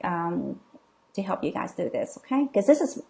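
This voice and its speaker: A woman's voice: lowish voice, big pitch swings, moderate pace, creaky, a little mellow. Woman coach reassuring her live viewers. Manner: reassuring, many okays and ums, reads comments aloud. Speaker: coach and healer hosting a live session. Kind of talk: live-stream talk reading viewer comments.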